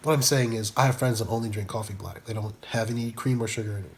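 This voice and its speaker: A man's voice: fairly low pitch, fairly even intonation, fast. A man co-hosting a casual couples vlog, rambling and joking. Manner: rambling, jokey, self-correcting. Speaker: vlog co-host. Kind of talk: casual chat.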